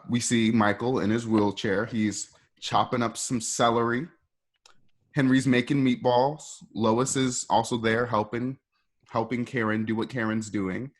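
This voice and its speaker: During a live table-read of a screenplay, a man narrates the stage directions for a radio play in a casual, chatty way, tossing in asides to listeners. His voice is fairly low in pitch with a fairly bright tone.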